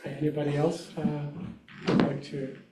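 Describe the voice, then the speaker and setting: A man leading a congregation sharing circle, musing slowly and trailing off. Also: fairly high pitch, flat delivery. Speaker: service leader. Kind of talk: casual group sharing. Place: large echoey church hall. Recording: echoey hall, far mic, faint noise.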